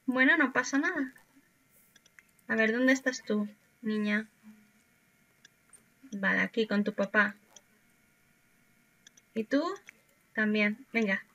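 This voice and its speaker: A woman's voice: high-pitched, sharp tone. A woman from Spain casually commenting on her life-simulation game and chatting to her characters. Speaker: gaming YouTuber. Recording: dull lo-fi sound.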